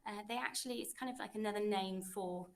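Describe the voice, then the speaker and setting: A woman's voice: mid-range voice, fast talker, a little hiss or hum. A young woman, a French teacher, running a classroom quiz with pupils in an encouraging, chatty way.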